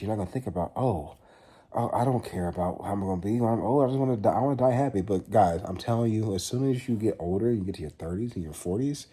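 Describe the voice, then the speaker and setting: Earnest young man, husky low voice. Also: warm tone. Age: 20s. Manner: earnest, repetitive, swears casually. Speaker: fitness vlogger. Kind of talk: casual vlog talk to camera.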